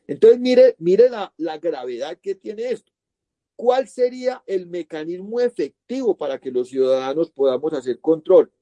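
A man answering as a guest analyst, lecturing through a list of legal points and asking himself rhetorical questions. His voice sits fairly high yet sounds very dark and mellow, and it is recorded close and dry. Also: no room sound. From Colombia. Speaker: guest analyst on electoral crime. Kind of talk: explanatory interview answer.

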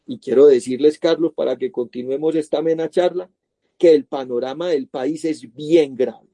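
Dark-voiced man lecturing. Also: fairly high pitch, moderate pace, no echo. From Colombia. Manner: lecturing, poses rhetorical questions, tags points with "¿cierto?". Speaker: guest analyst on electoral crime. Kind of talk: explanatory interview answer.

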